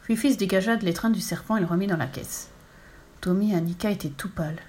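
A woman narrating a children's storybook aloud in a steady, clear storytelling voice. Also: lowish voice, fast talker. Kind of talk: storybook reading.

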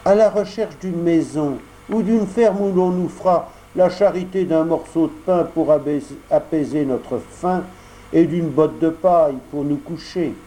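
Pinocchio, a high earnest puppet boy, read by a man. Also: measured pace, dark tone, close to an everyday voice, low-quality recording. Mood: gentle. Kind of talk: audiobook character voice.

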